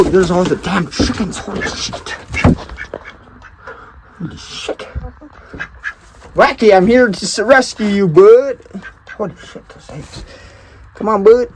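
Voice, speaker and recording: A man's voice: high voice, expressive, slow, pauses often, background noise. A man vlogging outdoors at a backyard bonfire, playful and whooping, breaking into bits of songs. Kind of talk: casual vlog chatter.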